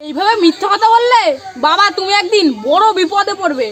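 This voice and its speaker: A man voicing a peacemaking, gently admonishing village uncle in a comedy cartoon, with a pitched-up voice. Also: expressive, a little fast, a crowd in the background. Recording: music behind the voice.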